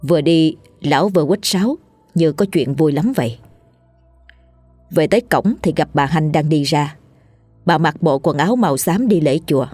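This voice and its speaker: A woman, narrating a scripted ghost story in a steady reading voice. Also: sits low, moderate pace, pauses often, no room sound, faint music behind.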